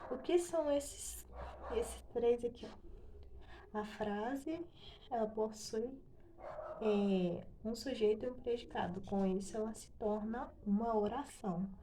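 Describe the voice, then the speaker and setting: A woman with a Brazilian accent giving a casual online writing lesson, halting and correcting herself often. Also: medium pitch, background noise. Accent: Brazilian Portuguese. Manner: slow, halting, many fillers and self-corrections. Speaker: writing teacher.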